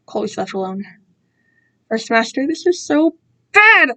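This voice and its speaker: A woman gives an amateur dramatic reading of a story, narrating expressively, emotively and informally. Her voice sits high and she keeps a moderate pace.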